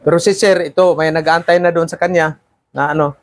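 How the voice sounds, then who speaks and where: High-voiced man lecturing trainees. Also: steady tone, a little fast, no room sound. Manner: lecturing, with frequent "ha?" and "di ba?" checks. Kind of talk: classroom talk.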